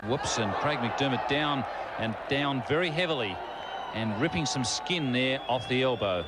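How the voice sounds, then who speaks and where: Man calling cricket live, really loud crowd and noise all over the recording. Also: medium pitch, lively intonation, moderate pace. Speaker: cricket commentator. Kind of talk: live ball-by-ball commentary. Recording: noisy outdoor broadcast, loud crowd. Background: loud stadium crowd.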